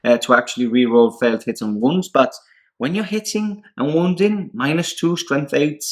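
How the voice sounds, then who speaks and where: A man whose first language is Spanish hosts a tabletop wargame battle report show, giving casual, unscripted rundowns. He has a mid-range voice and speaks at a normal speed.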